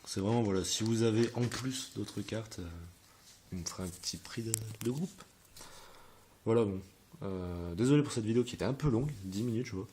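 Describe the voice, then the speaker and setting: Male, deep low voice, casual hesitant video chat to viewers, light hiss. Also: a little fast, warm tone. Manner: hesitant and rambling, many fillers. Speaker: card collector showing his binder.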